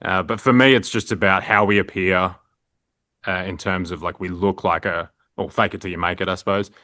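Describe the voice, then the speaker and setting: Australian guest, young man, low bright voice, rambling filler-heavy talk, dry close sound. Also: fairly even intonation, fairly quick, no room sound. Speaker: print shop owner, guest. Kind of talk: casual interview chat.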